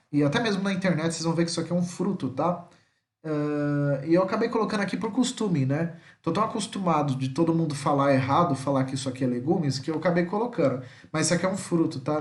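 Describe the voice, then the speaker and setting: A Brazilian man teaching a slide-based lesson, patiently repeating each word slowly and checking in with his listeners. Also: a little high, roomy sound. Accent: Brazilian Portuguese.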